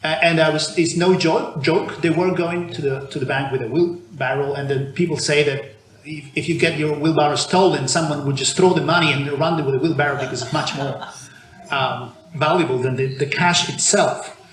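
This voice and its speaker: In an echoey church with a little background noise, a man from Argentina preaches in a chatty style, restarting sentences and leaning on fillers. His voice is slightly high and steady, and he moves at a moderate pace.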